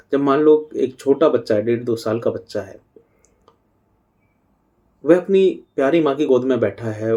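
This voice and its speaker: A middle-aged man giving a calm devotional talk on parenting as a spiritual teacher, unhurried and pausing now and then. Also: mid-range voice.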